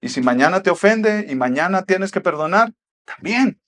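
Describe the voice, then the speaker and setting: A male pastor preaching a sermon. He speaks emphatically, repeats rhetorical questions, and swings from loud passages to hushed ones. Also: high voice, animated, normal speed.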